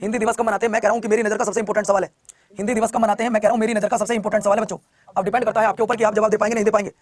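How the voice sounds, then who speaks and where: In a dry recording, a male online exam coach fires questions at students during a live class, his voice sitting high and his tone level. He repeats every question and presses them to answer fast.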